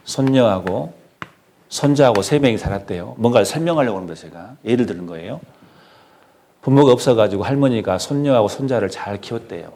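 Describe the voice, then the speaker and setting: A man's voice: mid-range voice, animated, a little fast, warm tone. A middle-aged man preaching a sermon in a church, telling a story and putting questions to the congregation.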